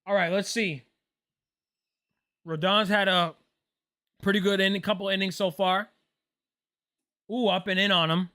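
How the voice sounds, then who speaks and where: A man's voice: sits high, a little slow, pauses often. A man in his late twenties, hosting a casual live stream, chatting loosely and answering viewers while reacting to a ball game. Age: 20s. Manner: relaxed, chatty, answers chat questions, says "bro". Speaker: livestream host.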